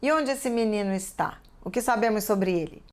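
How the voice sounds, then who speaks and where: A woman's voice: medium pitch, moderate pace. A woman with a Brazilian Portuguese accent teaching a TV lesson for children, carefully asking the class many questions.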